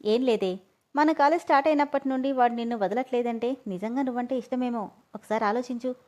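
A teasing, easygoing young man, read by a woman storyteller. He talks to his friend in a relaxed, mocking way, and the voice sits fairly high. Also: quick pace, close to an everyday voice.

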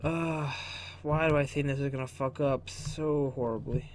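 A man's voice: medium pitch, fairly even intonation, moderate pace. A sarcastic, joking man giving casual, sweary commentary as he plays through a game. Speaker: gamer commentating on his playthrough. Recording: faint noise and game sound behind. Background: video game sounds.

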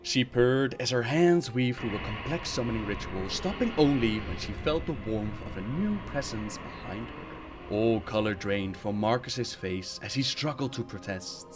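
A man reading fantasy fiction aloud, his pitch sitting in an ordinary middle range. He narrates dramatically and drops in wry host asides between stories. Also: expressive, moderate pace, few pauses, over music.

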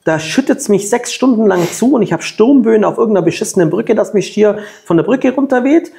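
A German man in his forties, a long-distance scooter traveller, is the guest in a sit-down interview at a table in a room with plants. Wearing a lapel mic, he tells lively, colloquial travel anecdotes in a high, creaky voice at a slightly fast pace.

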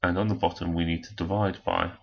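A low, gravelly man teaches a maths problem step by step, his voice hoarse and husky. He talks while working things out on a calculator. The recording sounds dull and lo-fi. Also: flat delivery, fairly quick. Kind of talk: recorded maths lesson walkthrough.

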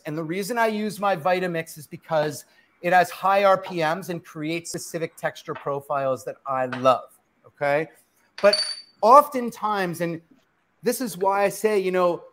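A middle-aged man with a fairly high voice leads a live cooking demo, preachy and emphatic, firing off questions and answering them himself. He is recorded by a camera across a kitchen studio. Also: normal speed, fairly bright tone, slight background noise. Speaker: chef.

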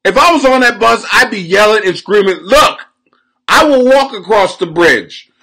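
Loud crude home live-streamer, high bright voice. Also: male voice, expressive, moderate pace. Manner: loud, crude, laughs often, swings from shouting to mumbling. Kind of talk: rambling live-stream comedy rant. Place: small room at home, indoors. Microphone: webcam at desk.

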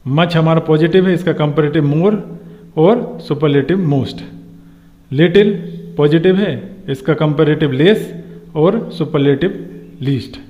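A man with a fairly high voice teaches a grammar lesson, asking rhetorical questions and slowing down to spell out letters. The sound is dull and lo-fi, with a long reverb trailing each phrase.

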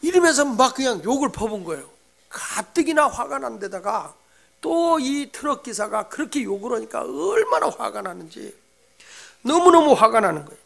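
A male pastor giving a sermon in a lively, conversational way, telling humorous stories to his congregation. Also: extremely high pitch, moderate pace, vocal fry. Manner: animated storytelling with humorous anecdotes; direct, conversational address to the congregation.

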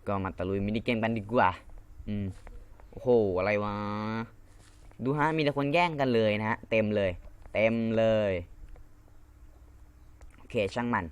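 A man's voice: fairly low pitch, measured pace, long pauses, clear, resonant tone. A young man from northeast Thailand with an Isan accent, chatting casually while he plays Minecraft. He rambles, repeats himself and swears now and then. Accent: Isan Thai. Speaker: Minecraft gamer. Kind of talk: casual gameplay commentary.

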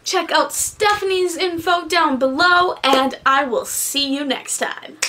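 High-pitched young woman, candid and rambling. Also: unhurried, bright, forceful tone, a little hiss or hum. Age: young adult. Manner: candid, rambling, casually sweary. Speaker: book reviewer, vlogger. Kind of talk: casual book review to camera. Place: small bedroom, indoors.

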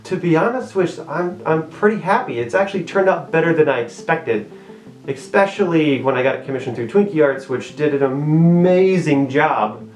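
A man's voice: a little high, animated, moderate pace, darkish tone, reverberant, faint music behind. A young man talking from inside a mask head, so his voice is muffled, answering viewer questions in a laid-back, chatty way. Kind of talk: casual Q&A vlog.

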